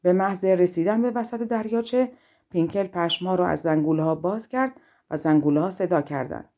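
A woman narrates a fairy-tale audiobook with calm, even storytelling. Her voice sits low and sounds warm and mellow.

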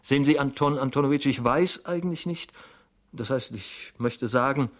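A man's voice: mid-range voice, moderate pace, voice pushed up, natural voice. A man voicing a timid middle-aged male clerk who stammers, halts and keeps repeating himself, in an audiobook reading. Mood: anxious, pleading.

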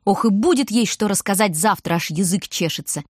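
A woman's voice: mid-range voice, a little fast, darkish tone, no echo, studio quality. Woman narrating an audiobook. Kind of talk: scripted narration.

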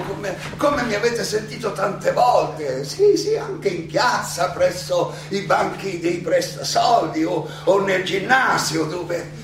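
A man playing the seventy-year-old Socrates in a theatrical monologue, an ironic, indignant accused philosopher who addresses his judges haltingly, repeating phrases and throwing out questions. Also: high-pitched, vocal fry, noisy background. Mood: earnest. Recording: very echoey, distant miking, music behind.

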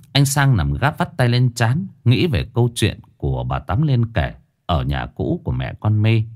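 A man reading a scripted ghost story as narrator, with expressive storytelling. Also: on the low side. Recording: faint music behind.

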